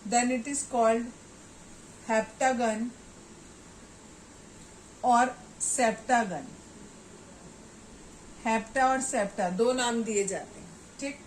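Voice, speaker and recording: A fairly high-voiced woman teaches maths at an unhurried pace. She explains patiently, one step at a time, and keeps checking that the class is following. The room sounds echoey and she is some distance from the mic. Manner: patient, explains step by step, often asks "ठीक है" to check understanding. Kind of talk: classroom maths lesson at a board. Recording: roomy echo, voice away from the mic, faint background noise.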